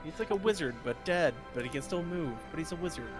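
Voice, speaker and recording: Male game master over clear music. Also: fairly high pitch, animated, fast talker. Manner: informal, with spoken sound effects. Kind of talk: narrating a tabletop role-playing game. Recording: music behind the voice.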